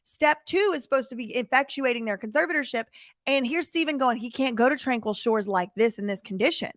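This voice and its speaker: A woman's voice: fairly high pitch, brisk, no echo, clean studio sound. A woman hosting casual commentary on footage, emphatic and fond of rhetorical questions to her viewers. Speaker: commentary host.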